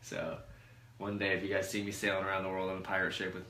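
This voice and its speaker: A man's voice: sits low, monotone, fast talker, sharp tone, slight background noise. Joking man in an echoey room. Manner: laid-back, joking. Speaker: co-host of a live stream. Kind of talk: casual chat.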